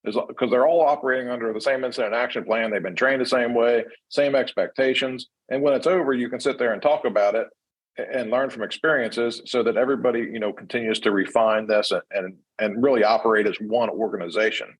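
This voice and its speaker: A man's voice: medium pitch, steady tone, quick pace, husky, poor audio. An American man talking as a fire service instructor in an unscripted discussion, explaining in a conversational way.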